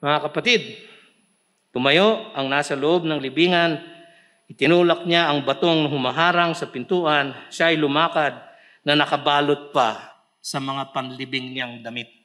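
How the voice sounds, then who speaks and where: A man with a Filipino accent preaching a sermon, mixing Tagalog with English scripture quotes and swelling into emphatic shouts. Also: fairly high pitch, steady tone, measured pace. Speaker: pastor. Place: church.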